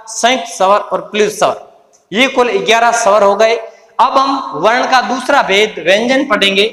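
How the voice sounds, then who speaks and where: Male teacher, high voice, patient repetitive explainer, lecture in a reverberant room. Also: a bit bright. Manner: slow, repetitive explaining, drawing out sounds. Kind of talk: Hindi grammar lesson. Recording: echoey room with long reverb.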